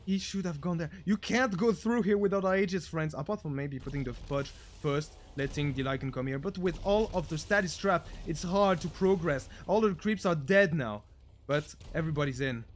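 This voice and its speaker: A man with a high voice casts a video game match for laughs. He jumps from low, muttered jokes to yelling over big plays, always playful and excitable. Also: moderate pace, a little hiss or hum. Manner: excitable, jokey, swings between mumbled asides and shouted hype. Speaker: game caster. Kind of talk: comedic esports commentary.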